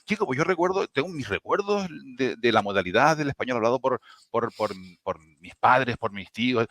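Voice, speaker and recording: An impassioned man with a Canarian Spanish accent, speaking as a professor in a video-call panel discussion. He argues emphatically, restarting his phrases and tagging them with quick questions, at a middling pitch. The sound is dry, with no room echo. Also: animated, fairly bright tone. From Canary Islands, Tenerife. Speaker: linguistics professor.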